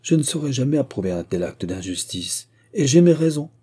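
A man as a smooth young squire in a storybook, courtly and flowery, all flattery. the voice sits low, dark and husky. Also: brisk. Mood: indignant. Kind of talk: audiobook reading.

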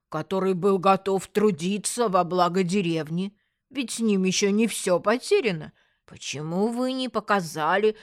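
A stubborn old editor lectures with rhetorical questions, emphatic and preachy, as a woman puts him on. The voice sits low, in a dry close recording, like an audiobook reading. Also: dry recording. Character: elderly male magazine editor, preachy and stubborn.

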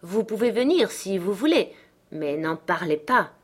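A woman's voice: medium pitch, sing-song, a little slow, slightly rough. A woman reading the part of a bitter, scornful middle-aged man, in a curt, sardonic manner, in an audiobook. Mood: confiding.

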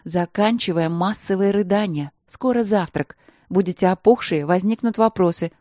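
A woman voicing a calm, weary eldest princess who gives firm, quiet commands. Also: medium pitch, moderate pace, no room sound, studio quality, close to an everyday voice.

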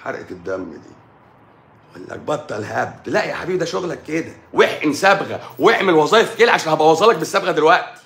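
A man's voice: a little high, expressive, very fast, vocal fry, a bit bright. A middle-aged man with an Egyptian Arabic accent, a doctor ranting combatively on a live stream and firing off rhetorical questions. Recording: echoey room.

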